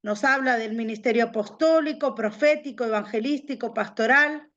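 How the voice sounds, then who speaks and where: High-voiced woman, emphatic preaching teacher, dull lo-fi recording. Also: normal speed, a bit bright. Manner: emphatic, repeats key phrases for stress. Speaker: prophet teaching a training class. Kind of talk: preaching-style Bible class.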